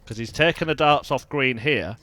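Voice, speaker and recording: A man giving live darts commentary in measured, analytical short observations. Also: mid-range voice, sharp tone, a little hiss or hum.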